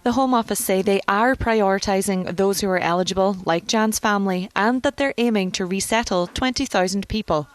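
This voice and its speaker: A woman's voice: mid-range voice, a little fast, few pauses, dry recording. A woman narrating a scripted television news report as a reporter.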